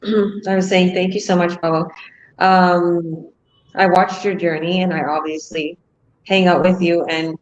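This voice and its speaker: A woman's voice: lowish voice, flat delivery, unhurried, muffled recording. A woman hosting an online business chat, talking casually with many fillers. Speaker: host. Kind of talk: casual online group call. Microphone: video call.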